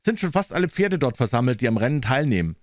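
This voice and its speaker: A man's voice: medium pitch, sing-song, quick pace, dry recording, studio quality, voice pushed up, natural voice. A man doing a blunt, scornful stable hand. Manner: blunt, contemptuous.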